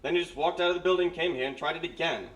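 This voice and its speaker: In a live old-time radio mystery, a man plays a stern, dry army major, speaking in a clipped, formal, matter-of-fact way with a brisk mood. His voice is fairly high, very fast, and fairly bright, close to an everyday voice. It's recorded on a roomy live stage from a distant mic.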